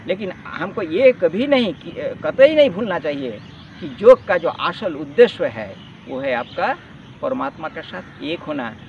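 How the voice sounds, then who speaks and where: A man with a high, lively voice teaches a yoga lesson, explaining earnestly and repeating key words. He sounds set back from the mic. The lo-fi recording carries a faint outdoor hum. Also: unhurried, creaky, recorded from a distance.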